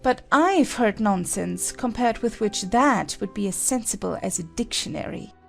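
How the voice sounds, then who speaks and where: A woman's voice: mid-range voice, expressive, normal speed, vocal fry, faint music behind. A woman playing a haughty, bossy chess-piece queen in a dramatized children's audiobook, with an imperious, correcting manner. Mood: haughty, boastful.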